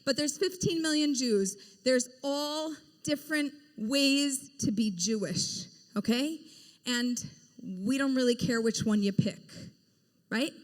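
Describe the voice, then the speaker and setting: A chatty woman addresses a big audience in an event hall with a fairly high, bright voice. She keeps things playful, tossing quick questions to the crowd. A long reverb trails her words through the large room. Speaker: event speaker. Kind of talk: lively storytelling talk to a live audience. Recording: echoey hall sound.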